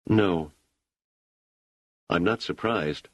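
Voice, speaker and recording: A man reading an audiobook, voicing a calm, probing woman who talks in a measured, persistent way. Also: low-pitched, dry recording, highs cut off, full character voice. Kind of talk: audiobook character voice.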